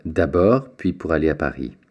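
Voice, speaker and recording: A man voicing an earnest, respectful young sailor in an audiobook, speaking a little higher than his own narration. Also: big pitch swings, moderate pace, a little mellow, lo-fi sound, exaggerated voice.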